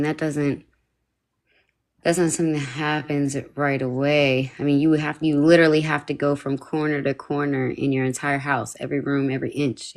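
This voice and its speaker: A woman guest giving spiritual advice on a live stream, speaking in a matter-of-fact, instructive way. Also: rumbling low.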